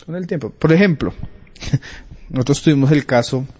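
A man preaching a sermon, talking through Bible passages and reading scripture louder. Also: on the high side, normal speed, husky. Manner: conversational Bible teaching, rising loud for scripture readings.

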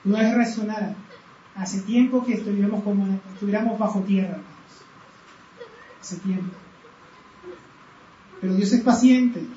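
A man's voice: sits high, warm tone, a little hiss or hum. Distant roomy preaching man. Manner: earnest, rhetorical questions, slows down to read scripture. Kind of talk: sermon. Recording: roomy, distant, dull sound with faint background.

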